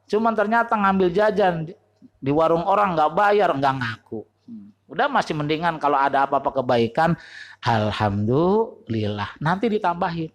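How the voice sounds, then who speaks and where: A male Islamic preacher, giving a sermon at a mosque in a lively, joking, self-mocking way, jumping between high emphatic lines and low quiet ones. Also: fairly quick.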